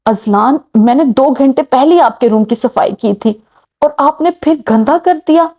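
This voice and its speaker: Scolding tidy young woman, audio novel, read by a woman, high voice, muffled. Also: moderate pace. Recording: muffled lo-fi recording.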